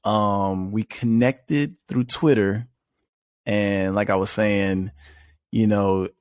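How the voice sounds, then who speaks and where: Podcast host, a man, casual and easygoing, lowish voice, dry close mic. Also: fairly even intonation, slow, a little mellow, clean tone, no echo. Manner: laid-back, many fillers like "you know". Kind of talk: casual interview chat.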